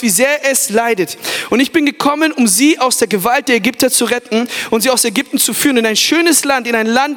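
A man's voice: extremely high pitch, a bit bright. Man reading as the commanding voice of God. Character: commanding voice of God, ancient and solemn. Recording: echoey hall.

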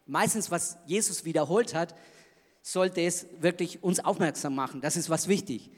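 A man preaching a sermon in an emphatic manner, swinging between loud bursts and hushed lines. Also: fairly high pitch, moderate pace, big-room sound. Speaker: pastor.

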